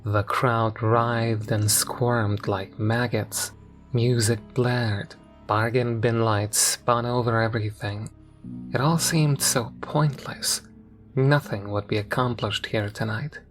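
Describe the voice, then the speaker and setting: Brief: male narrator for a creepypasta reading, measured scripted delivery, mid-range voice, soft music underneath. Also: medium pitch, fairly even intonation. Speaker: horror story narrator. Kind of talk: scripted first-person horror narration. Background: faint background music.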